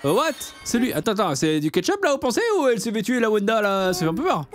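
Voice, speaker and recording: A host giving lively, casual commentary on an animation, often exclaiming and asking questions at the screen. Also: mid-range voice, fast talker, faint music behind. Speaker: reaction video host.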